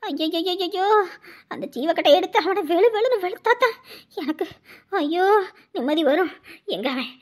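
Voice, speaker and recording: A woman playing a loud, thrifty middle-aged village mother who scolds and wails in a comedy sketch. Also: normal speed, long pauses. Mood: wailing. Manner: shrill, scolding, wailing.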